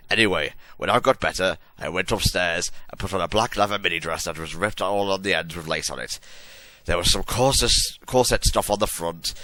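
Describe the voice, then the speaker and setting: A man's voice: low-pitched, pushed and bright, no room sound. A man giving a comic dramatic reading of a story in a hammy, theatrical stage-actor manner with exaggerated emphasis. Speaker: reader of a fan fiction story.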